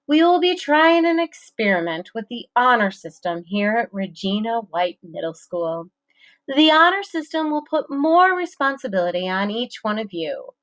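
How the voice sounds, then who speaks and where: A woman reading an audiobook voices a male school principal making formal announcements. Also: fairly high pitch.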